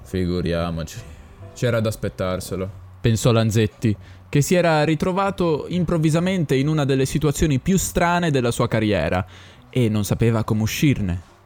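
A man narrating a short story and voicing the conductor, expressive and theatrical. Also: medium pitch, moderate pace, faint music behind. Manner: expressive, acting out the characters. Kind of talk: audiobook story reading.

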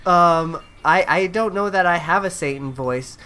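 A woman's voice: lowish voice, a little slow, fairly bright tone. A woman hosting a podcast, chatting casually and rambling with many fillers. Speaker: podcast host.

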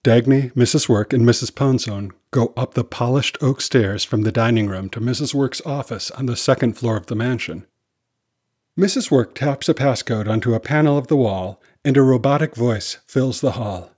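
A man narrating a scripted children's story in an animated, expressive reading voice. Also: medium pitch, normal speed, slightly rough.

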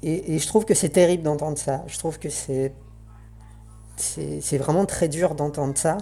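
A woman's voice run through a voice changer, pitched low and mellow. She speaks in an earnest, reflective way, pausing to find her words. Faint music plays underneath. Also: fairly even intonation. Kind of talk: spoken essay on roleplaying games.

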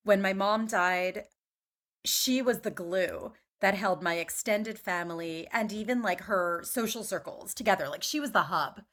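Bright-voiced chatty woman from Philadelphia. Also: mid-range voice, unhurried. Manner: chatty, many fillers and restarts. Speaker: podcast guest. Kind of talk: casual conversation.

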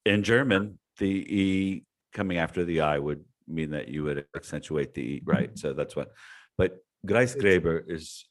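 Deep-voiced male host with a hesitant manner. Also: moderate pace. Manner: hesitant, with many restarts and fillers. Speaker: show host. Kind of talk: casual interview chat.

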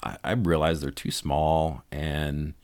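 Very deep, laid-back man chatting. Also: flat delivery, slow pace, darkish tone, no room sound, clean studio sound. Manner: laid-back, explains growing tips, laughs easily. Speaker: podcast co-host. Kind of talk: casual chat.

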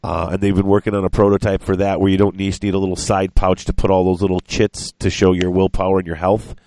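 Podcast co-host: male, lower register, wheezy and stuffed up with a chest cold, loose conversational rambling. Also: little pitch movement, fast talker, a little mellow, no room sound. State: congested, short of breath with a chest cold. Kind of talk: casual rambling chat.

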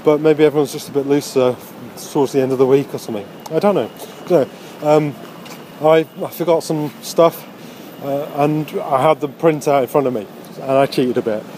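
A man's voice: on the high side, steady tone, moderate pace. A man talking in a casual video diary as an amateur stand-up comedian, musing and repeating himself as he goes. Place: on trains and outdoors in the city. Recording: loud train and street noise behind. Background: loud vehicle and urban noise.

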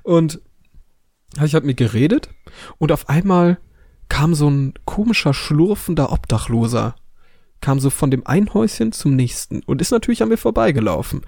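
A man co-hosting a podcast, telling a story in a casual way and acting out the dialogue with lively voices. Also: fairly high pitch, normal speed, vocal fry, no room sound, clean studio sound. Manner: animated storyteller who acts out dialogue. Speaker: podcast co-host.

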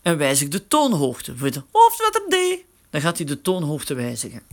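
A man giving a casual spoken tutorial, explaining slowly and with filler words while working a phone. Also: on the high side. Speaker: instructor.

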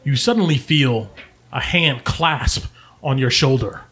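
Man, game master, laid-back narration, many fillers, lively pitch. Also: unhurried.

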